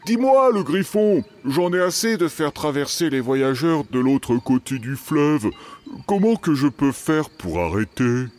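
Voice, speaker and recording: A man voicing a huge, good-natured male river giant who speaks slowly in a high, exclaiming voice. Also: very animated, darkish tone. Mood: cheerful, bewildered. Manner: high, slow, exclaiming, homely speech.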